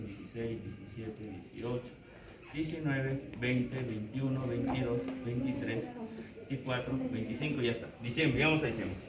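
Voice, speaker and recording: A man teaching a class, animated, counting aloud and quizzing his students as he works at the board. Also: medium pitch, echoey room, recorded from a distance, background noise. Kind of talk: classroom lecture.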